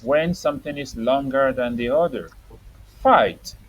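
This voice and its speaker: A woman's voice: very deep voice, measured pace, muffled recording. A woman teaching reading to a young child, saying words for the child to repeat and explaining them simply.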